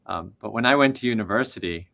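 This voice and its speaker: A man's voice: lowish voice, quick pace, vocal fry, sharp tone. A man who grew up in Taiwan, hosting an interview in a friendly manner and laughing easily. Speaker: podcast host. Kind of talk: interview host.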